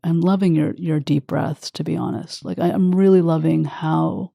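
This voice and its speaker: Female interview host, low gravelly voice, effusive and emotional. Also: steady tone, normal speed, no echo, studio quality. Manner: warm, effusive, openly emotional. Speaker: podcast host.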